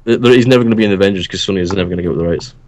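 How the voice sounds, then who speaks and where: A man with a low voice rambles through a casual podcast chat, restarting his sentences as he goes. A clear murmur of a crowd sits behind him. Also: racing. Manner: rambling, trips over his words. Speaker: podcast co-host.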